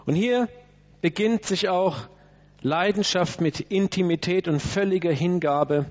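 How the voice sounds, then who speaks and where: In a dull, lo-fi church recording, a man with a high-pitched, slightly mellow voice delivers a sermon a little slowly. He stays emphatic throughout, performing quotes and turning to speak directly to those in the room.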